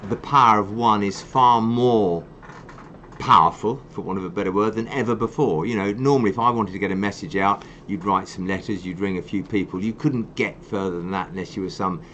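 A man hosting a live charity stream with a lowish voice and faint background hiss. He rants passionately about his cause and laughs at himself. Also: fairly quick, fairly bright tone, dull audio. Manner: passionate, ranting, self-mocking. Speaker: wildlife charity host.

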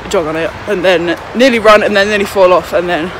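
A woman's voice: on the low side, fairly quick, slight background noise. A young woman, out of breath, chatting and swearing casually to her phone in a park as a vlogger. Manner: chatty, swearing, frequent laughs. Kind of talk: casual vlog chat. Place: outdoors in a town park. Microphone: handheld phone.

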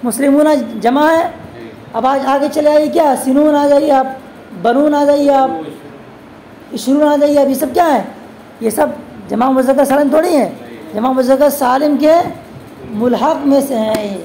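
A woman teaching a classroom grammar lesson, constantly posing quick questions to her students and answering them herself. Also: high voice, mellow, a little hiss or hum, rough recording. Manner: addresses students as "beta". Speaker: religious teacher.

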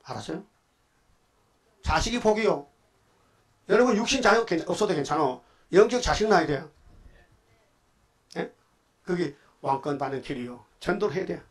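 A man's voice: a little high, expressive, normal speed, long pauses. Man preaching in colloquial storytelling style. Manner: swings between loud outbursts and quiet asides. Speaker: pastor. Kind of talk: Sunday afternoon sermon.

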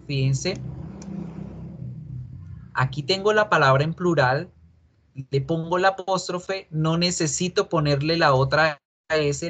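Slow, patient male teacher. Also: fairly high pitch, fairly bright tone. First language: Spanish. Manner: patient, repeats and asks students questions. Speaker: English teacher. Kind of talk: online class explanation.

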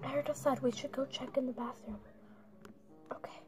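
A woman voicing toy pets in a role-play skit, excitable and given to shrieks and gasps. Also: high voice, moderate pace, over music.

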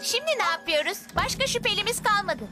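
A woman dubbing an eager, excitable young boy agent in a kids' show. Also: very high voice, quick pace. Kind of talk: dubbed kids' show acting. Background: music.

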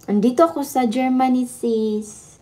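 Woman, livestream host, chatty and laughing, mellow tone. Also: sits high, a little slow. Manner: chatty, laughing, switching between Tagalog and Visayan. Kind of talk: casual live chat with viewers.

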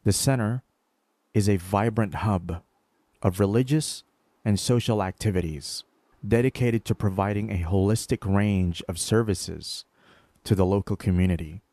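A man narrating a short documentary profile in a measured, scripted voice-over. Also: on the low side, mellow, no echo.

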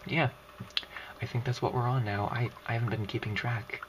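A woman's voice: very deep voice, steady tone, normal speed, dull audio. A woman whispering through a let's-play commentary, her whisper scratchy, with frustrated outbursts and mild cursing. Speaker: gaming video creator.

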